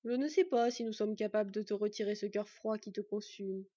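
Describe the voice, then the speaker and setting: A soft-spoken old one-eyed god, grave and kind, as a woman reads him aloud. Her tone stays dark and mellow, set in a dry, dull storybook recording. The manner is measured and gentle. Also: medium pitch, husky, no room sound, lightly acted. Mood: kindly.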